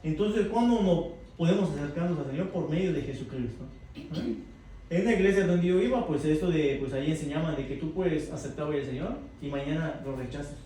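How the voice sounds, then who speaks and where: Brief: warm, slightly high male Bible teacher, conversational, heard from far off in a roomy hall with faint noise. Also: fairly quick. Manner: asks the group questions, tags lines with "verdad?". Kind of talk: interactive Bible class.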